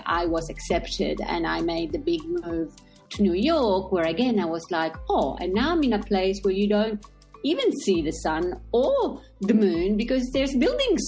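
A middle-aged woman from Italy talks through her story with care and reflection, her voice sitting on the low side. She speaks from a busy workplace, with faint music playing faintly behind her. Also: a little mellow. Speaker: guest, social enterprise CEO. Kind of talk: remote interview conversation.

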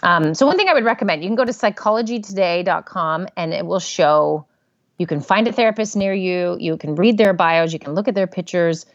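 Animated woman therapist, lower voice. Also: a little fast, dry recording, dull audio. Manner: animated, acts out inner voices in quotes. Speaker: therapist, podcast guest. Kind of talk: casual interview talk.

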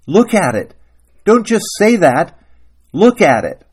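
Man voicing a desperate pleading husband, anguished, husky, wide swings, rough grammar. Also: fairly low pitch, big pitch swings, takes it slowly, a little mellow, full character voice.

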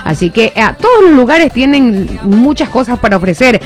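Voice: mid-range voice, big pitch swings, soft background music. Chatty co-host reading event listings. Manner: chatty, quick reactions, promotional.

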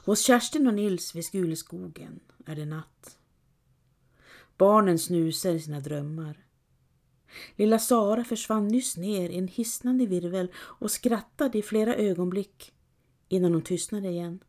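A woman narrating a novel excerpt in a calm, measured reading. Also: lowish voice. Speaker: audiobook narrator. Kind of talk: scripted narration.

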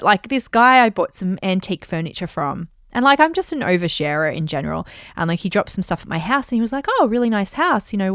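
A woman coaching listeners on business and money in a chatty, animated way, full of fillers and asides. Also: lowish voice, no echo, clean studio sound. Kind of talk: casual advice talk.

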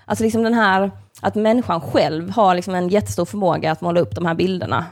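With a lowish voice, a young woman hosts a podcast and tells personal stories casually, swearing freely and acting out what others said. She's an animated storyteller who leans heavily on fillers like "like" and "kind of".

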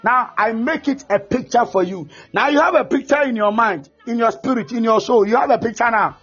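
A man preaching a fervent sermon, often shouting and mixing English with Twi. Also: very high-pitched, fairly quick, slightly rough. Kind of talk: sermon with prayer. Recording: dull lo-fi recording with faint music.

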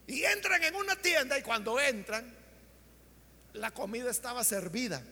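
A man preaching a sermon, retelling a story dramatically and shouting out the characters' lines. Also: very high-pitched, lively intonation, normal speed, creaky, breathy edge, in a large hall.

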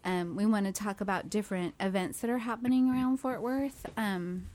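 A woman's voice: mid-range voice, normal speed, darkish tone. A woman in her thirties hosting a casual podcast, upbeat and chatty. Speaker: podcast host. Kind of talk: casual chat.

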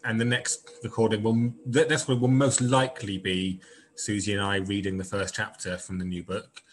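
A man's voice: on the low side, flat delivery, moderate pace, slight background noise. A man hosting a podcast who chats casually and hesitantly, often repeating himself. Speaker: podcast host. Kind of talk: casual chat.

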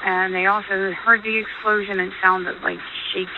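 A woman police dispatcher heard over a police radio, brisk and businesslike, calling out codes and times. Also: mid-range voice, flat delivery. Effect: police radio transmission. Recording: tinny radio with static.

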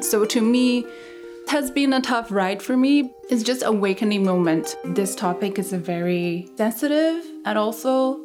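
A woman from mainland China who works as a communications coordinator, speaking candidly and a little haltingly in a podcast interview. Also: medium pitch. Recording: guitar music underneath.

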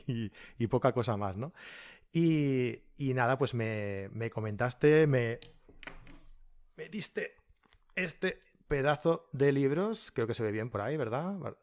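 Male podcast host, mid-pitched, easygoing interviewer with a joking streak. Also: lively intonation, slow pace. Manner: friendly, joking. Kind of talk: casual interview.

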